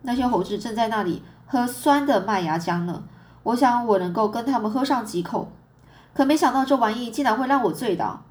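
A woman's voice: a little high, expressive, brisk, darkish tone, natural voice. A woman doing a sheepish pleading boy. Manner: pleading, defensive. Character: sheepish young farm boy.

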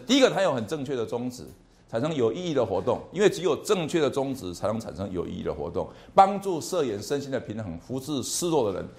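A man lecturing to a university class in a lively, animated way, often repeating words and asking the class questions. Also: medium pitch. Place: lecture hall.

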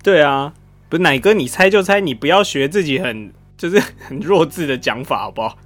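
A man's voice: fairly high pitch, animated, a little fast, a bit bright, faint music behind. A man with a Taiwanese Mandarin accent hosting a podcast quiz with casual banter. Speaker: podcast co-host running a quiz.

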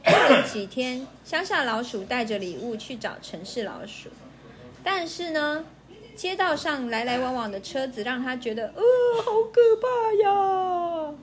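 Animated woman reading fables to a child. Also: a little high, normal speed, a crowd in the background. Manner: animated, sing-song, coaxing.

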